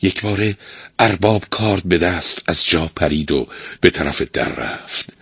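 A man narrating a storybook aloud, expressive and lively. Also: deep voice, creaky, breathy edge, no room sound, clean studio sound.

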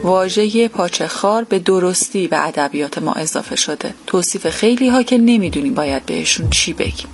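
Gravelly host voice over music. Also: mid-range voice, expressive, hardly any pauses. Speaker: show host. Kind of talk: episode introduction.

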